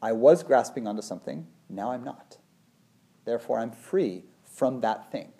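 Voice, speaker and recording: A meditation teacher in his forties speaks in casual conversation, thoughtful and meandering, with plenty of "you know" and "like." His mid-range voice is expressive and warm, at a moderate pace.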